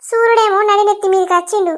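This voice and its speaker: A woman's voice: very high-pitched, fairly even intonation, racing. A woman voicing an impatient, complaining village farm owner with a Telangana accent. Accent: Telangana Telugu.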